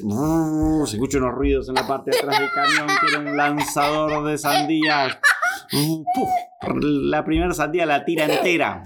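A woman's voice: low-pitched, heavy background noise. A woman improvising a playful bedtime story for a child, full of sound effects.

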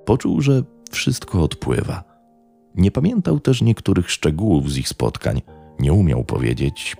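A man tells a true-crime story in a grave, measured narration. His voice is extremely deep and gravelly, dark in tone, yet moves a lot in pitch. Faint music plays beneath him. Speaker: podcast narrator.

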